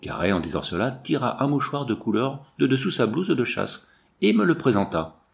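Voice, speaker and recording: A man reading a novel aloud as narrator, telling it in an expressive storytelling way. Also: medium pitch, normal speed, gravelly. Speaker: audiobook reader. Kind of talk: scripted narration.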